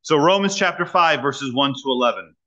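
Bright-voiced preacher man, lo-fi sound. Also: medium pitch, lively intonation. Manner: pauses for translation, teacherly, jokes with young people. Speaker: guest preacher. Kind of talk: sermon with live interpreter.

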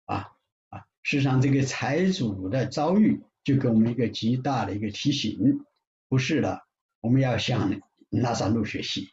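A male preacher delivers a sermon with a lively, rising and falling delivery, pressing his points again and again. His voice carries a clear echo from a large room. The sound is slightly dull, with faint ambience behind it. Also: mid-range voice, normal speed, slight background noise. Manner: emphatic, repetitive, with frequent "ah" fillers.

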